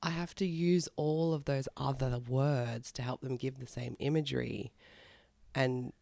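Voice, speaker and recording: An occupational therapist co-hosting a podcast with a hoarse voice from a cold, talking in an animated way. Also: medium pitch, measured pace, no echo, studio quality. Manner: animated, laughs between thoughts. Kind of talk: casual podcast discussion.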